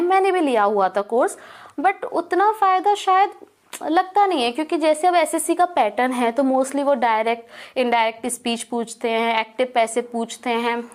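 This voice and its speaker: A young woman giving relaxed, casual advice on preparing for a competitive exam, easily mixing English words into her Hindi. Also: high-pitched. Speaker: exam prep advisor. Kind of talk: casual study-advice talk.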